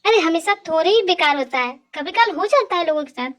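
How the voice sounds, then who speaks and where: Woman dubbing a cheeky chatty young dude, highish voice, fan dub. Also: animated, fast talker. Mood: teasing. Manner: teasing, chatty. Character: teasing cheerful young man friend.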